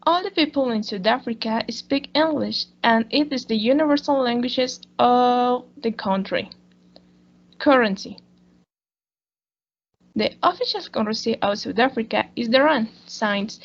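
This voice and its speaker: A woman reads a school presentation slowly and carefully, stopping to restart words. Her voice sits a little high with a gravelly edge. The recording is dull and lo-fi. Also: animated. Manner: slow, careful reading with small restarts. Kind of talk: read-aloud school presentation.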